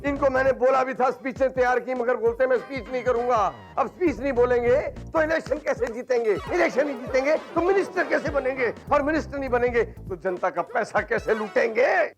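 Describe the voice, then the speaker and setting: An exasperated political aide in a sitcom, scolding in a very high voice. He lectures in repetitive chains of questions, and faint music runs behind him. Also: a little fast, few pauses.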